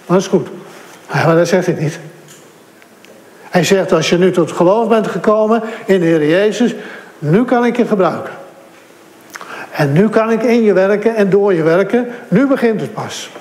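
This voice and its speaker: Preacher with a high voice in an echoing hall. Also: male voice, normal speed, long pauses, a little mellow. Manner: earnest, repetitive emphasis, addresses listeners directly. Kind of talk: sermon. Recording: echoey hall.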